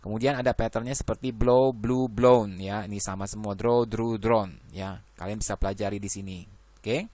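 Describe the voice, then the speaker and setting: A man's voice: fairly low pitch, steady tone, normal speed, dark tone, no room sound. A man teaching an English grammar lesson, working through verb lists and adding "ya" after nearly every phrase.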